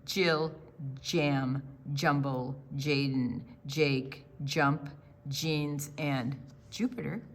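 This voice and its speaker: Reading a picture book aloud at a children's storytime, a woman uses theatrical, deliberate phrasing to engage young listeners. Her voice sits low, with a little hiss or hum in the background.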